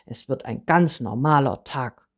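A woman reading a storybook aloud and voicing an upset village boy who shouts in anger and whispers bitterly. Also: a bass voice, measured pace, exaggerated voice. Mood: bitter hush.

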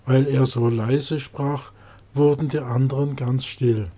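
Slow, mellow-voiced male storyteller. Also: mid-range voice, fairly even intonation. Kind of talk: storybook narration.

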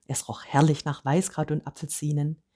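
Low-voiced woman reading a storybook. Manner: calm, measured first-person storytelling. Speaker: narrator.

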